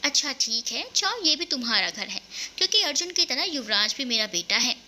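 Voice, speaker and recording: A fond older matriarch who fusses over her guests and gives her daughter-in-law gentle orders, as a woman reads her lines. The voice is bright and clear, sitting a little high. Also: sing-song, a little fast, slight background noise, full character voice. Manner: affectionate, gently commanding. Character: kindly older mother-in-law, warm matriarch.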